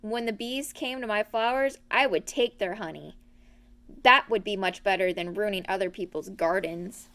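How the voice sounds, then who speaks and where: A woman's voice: mid-range voice, normal speed, bright, forceful tone. A woman voicing a fussy, self-important male rabbit who scolds and lectures in a children's storybook. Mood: smug lecturing.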